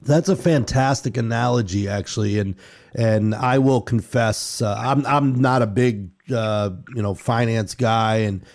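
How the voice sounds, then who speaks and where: A man's voice: medium pitch, a little slow. A middle-aged man hosting a casual interview, laughing often and joking about himself. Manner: laughs often, animated and self-deprecating. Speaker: podcast host.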